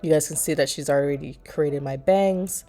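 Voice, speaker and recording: Soft music plays as a young beauty vlogger talks through her hair vlog in a deep, warm voice at normal speed. It's a casual voice-over, chatty and explanatory, with viewers addressed as "you guys" and her voice a bit nasal from a cold.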